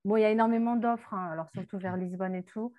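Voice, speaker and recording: A woman teaching Portuguese words in a relaxed French lesson, explaining patiently with many fillers and mixing in Portuguese terms. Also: mid-range voice, fast talker. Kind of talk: language lesson chat.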